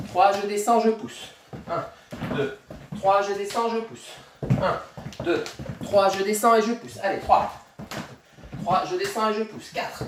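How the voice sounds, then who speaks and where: A man's voice: high-pitched, heavy reverb, recorded from a distance, background noise. A man coaching children through a tennis workout, counting reps aloud and encouraging them while he demonstrates. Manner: moving while talking, demonstrating exercises. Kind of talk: instructing a kids' home tennis workout.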